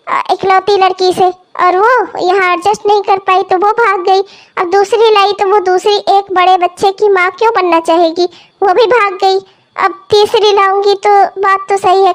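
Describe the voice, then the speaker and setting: A woman voicing a protective, fussing old grandmother in a cartoon who laments about her family. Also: very high-pitched. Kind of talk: cartoon voice acting.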